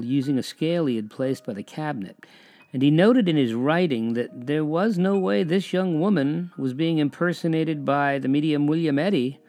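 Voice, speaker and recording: A man narrating a history story in a measured, dramatic way, with pauses, dropping to a hush on eerie details. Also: mid-range voice.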